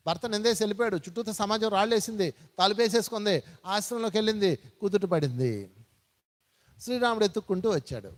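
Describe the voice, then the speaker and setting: A man giving a spiritual satsang talk, telling stories and repeating phrases for emphasis. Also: sits high. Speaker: spiritual speaker. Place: large meditation hall. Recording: reverberant hall.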